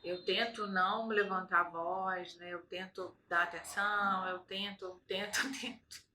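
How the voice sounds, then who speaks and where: A woman's voice: mid-range voice, fairly even intonation, a little slow, pushed and bright, a little hiss or hum, poor audio. A woman hosting a casual conversation, a mother who talks reflectively and ends many phrases with tag questions. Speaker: host.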